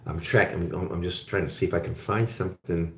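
A deep, slightly bright voice with a steady tone and brisk pace belongs to a German-born man raised in Oklahoma who hosts a live call-in show on metals and resource stocks. He chats in a rambling way with many fillers and restarts, and the recording has roomy echo plus a little hiss or hum.

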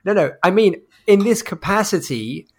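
A man's voice: high-pitched, animated, normal speed, a little mellow, breathy edge. A man hosting a podcast over a video call, chatting casually with frequent laughs and restarts. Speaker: podcast host.

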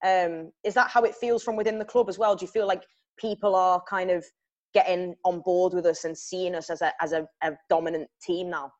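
A woman's voice: on the low side, fairly even intonation, a little fast, a little mellow, highs cut off. A woman hosting a club podcast, asking players chatty questions and laughing easily between them. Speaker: podcast host.

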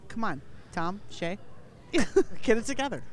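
A woman's voice: medium pitch, expressive, slow pace. A woman in casual comedy podcast banter, giggling and sounding incredulous.

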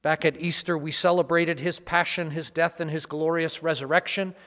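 Male priest, somewhat higher-pitched, solemn homily and scripture delivery, heard with long cathedral-style reverberation. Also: steady tone, normal speed, a bit bright. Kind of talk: liturgical reading and homily. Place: large reverberant church during Mass.

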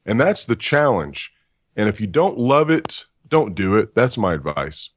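The speaker is a male voice actor, deep-voiced and dryly self-deprecating, responding to interview questions. His delivery is sing-song and a little slow, with no echo.

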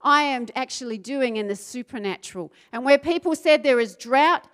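High-pitched and animated, a woman with a New Zealand accent preaches at a normal speed in a somewhat bright voice. She engages the crowd with questions and asides while building toward fervent, escalating passages.

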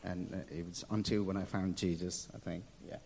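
A young man from Nepal, telling his story in a church interview, hesitant with many pauses and easy laughs. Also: deep voice, flat delivery, vocal fry, darkish tone, breathy edge. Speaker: interview guest. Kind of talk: casual testimony in church. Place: church hall. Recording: reverberant church hall.

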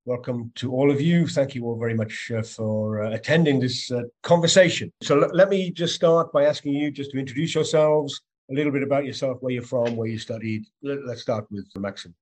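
A man with a slightly husky voice hosts a podcast interview over a video call. He talks in a friendly, lightly joking way and pauses on fillers as he gathers his thoughts. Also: medium pitch, a little mellow, poor audio.

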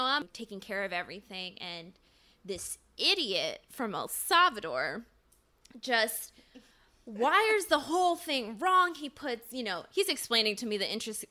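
Bright-voiced woman telling a chatty story. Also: mid-range voice. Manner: chatty, many "like" fillers, laughs between phrases. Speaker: podcast co-host. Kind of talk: casual conversational storytelling.

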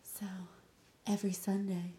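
A young woman co-hosting a chatty podcast, laughing easily and keeping things playful. Her voice sits in a middle register and carries a clear echo from the room around her. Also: mid-range voice, level tone, measured pace, mellow. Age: young adult. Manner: giggly, playful. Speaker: podcast co-host. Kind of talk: casual chat.

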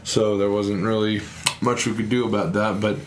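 This podcast co-host is a young adult man in his early twenties, rambling through casual conversation, often restarting and breaking into laughs. He speaks at a fairly low pitch in an even tone over a slight hiss or hum.

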